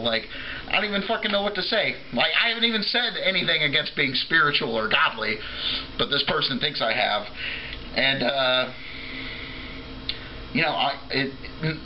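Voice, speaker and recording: A man's voice: medium pitch, sharp tone, slight background noise, low-quality recording. A man giving an off-the-cuff, drunken, rambling opinion rant as a video blogger, trailing off, restarting and swearing freely.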